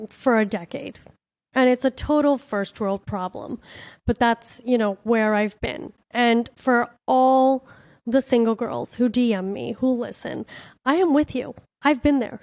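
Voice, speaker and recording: A woman's voice: fairly high pitch, darkish tone, no echo. A woman comedian hosting her own podcast, talking candidly and from the heart in a casual reflective monologue, full of "like" and "you know". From born in India, raised in Miami.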